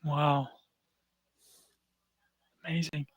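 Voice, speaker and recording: Host asking a bunch of curious questions, mid-pitched voice, dry sound. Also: flat delivery, very slow, dry recording. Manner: curious, asks many questions. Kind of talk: casual chat.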